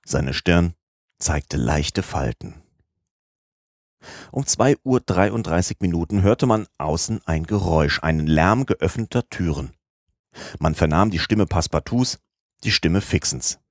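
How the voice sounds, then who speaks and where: A man calmly narrating a classic novel as an audiobook, in a measured reading style. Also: low voice, gravelly, dry recording, clean studio sound.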